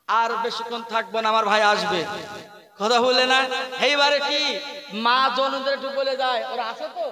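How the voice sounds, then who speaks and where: A man's voice: very high voice, sharp tone, poor audio. A man preacher, giving a rousing waz sermon to a gathering and bantering with the crowd through rhetorical questions. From Medinipur, West Bengal, India. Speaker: Islamic preacher. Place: outdoor religious gathering with a crowd. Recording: crowd noise behind the preacher.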